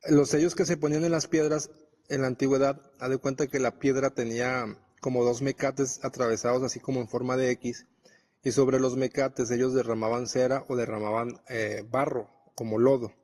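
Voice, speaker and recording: A man's voice: medium pitch, flat delivery, normal speed, a little mellow, long reverb tail. A man preaching a Bible study, reading scripture and explaining it conversationally.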